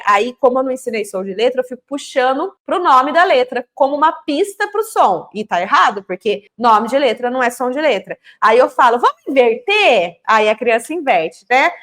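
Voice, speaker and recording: A woman's voice: high-pitched, animated, fairly quick, few pauses, a bit bright. A woman explaining literacy teaching with movable letters to teachers and parents, speaking directly to viewers. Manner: explanatory, addresses viewers directly, acts out teacher-child dialogue. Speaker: literacy educator.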